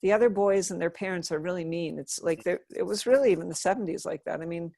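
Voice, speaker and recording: Low-voiced woman telling stories, dry sound. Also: quick pace, gravelly, dark tone, no echo. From Western Massachusetts, USA. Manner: chatty, laughing, with restarts. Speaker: interview guest. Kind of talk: casual storytelling.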